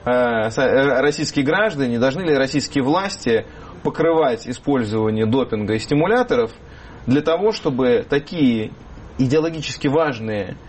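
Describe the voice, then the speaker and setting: Halting man as a studio guest. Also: medium pitch, lively intonation, slight background noise. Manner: halting, many hesitations and restarts. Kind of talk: talk show discussion.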